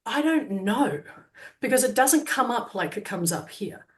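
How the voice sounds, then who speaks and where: A woman's voice: on the high side, lively intonation, unhurried. A woman from Australia with an Australian accent, co-hosting a podcast and talking candidly in a casual conversation, swearing freely. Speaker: podcast co-host.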